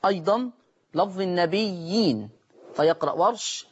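High-voiced tajweed teacher. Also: male voice, slightly rough, highs cut off. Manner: explains in colloquial Arabic, then chants verses slowly. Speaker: Quran recitation teacher. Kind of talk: tajweed lesson with recited examples.

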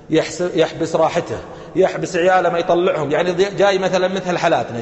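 High-voiced Gulf Arabic preacher in a hall. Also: male voice. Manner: conversational, rhetorical questions and acted quotes. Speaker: preacher and family counselor. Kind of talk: live sermon to an audience. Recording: echoey hall.

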